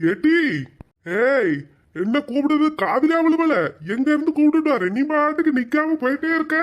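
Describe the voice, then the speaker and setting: A woman's voice: sits high, moderate pace, lo-fi sound, lightly acted. A woman voicing an angry, threatening village husband. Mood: scolding. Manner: shouting threats, scolding.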